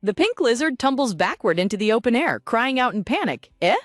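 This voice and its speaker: A woman narrates a dramatic comic recap in scripted storytelling style. Her pitch moves a lot from line to line, and the recording is dry and close. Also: very animated, brisk, no echo.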